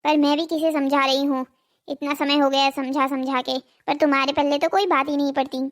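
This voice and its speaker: A woman's voice: high voice, level tone, fairly quick, close to an everyday voice. A woman voicing a greedy, nagging village wife in a cartoon drama, scolding and pleading. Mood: complaining.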